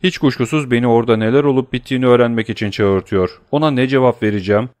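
A man's voice: mid-range voice, fast, a little mellow, dry recording, close to an everyday voice. A man voicing a deferential male servant, speaking politely and hurriedly to his master. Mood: anxious.

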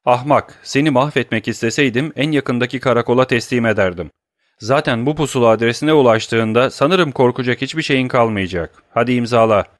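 A man's voice: medium pitch, brisk, no echo, studio quality, lightly acted. A man voicing a stern commanding disguised nobleman. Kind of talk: audiobook character voice.

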